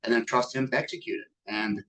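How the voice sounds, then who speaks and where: A man's voice: medium pitch, fairly even intonation, a little fast, pushed and bright, rough recording. Sixty-year-old man, easygoing business talk. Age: 60s. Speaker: guest business owner. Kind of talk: podcast interview.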